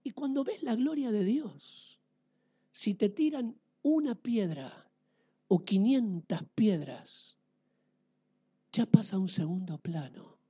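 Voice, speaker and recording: A woman preacher with a Rioplatense Spanish accent giving a lively sermon. She asks her listeners questions and swings between loud and quiet. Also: mid-range voice, takes it slowly, pauses often, slightly rough, dull audio.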